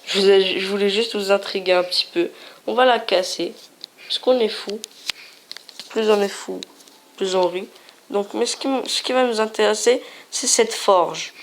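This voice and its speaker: A woman hosts a casual game video, chatty and playful, and often repeats herself while showing things on screen. Her voice is medium-pitched at a normal speed, with slight background noise.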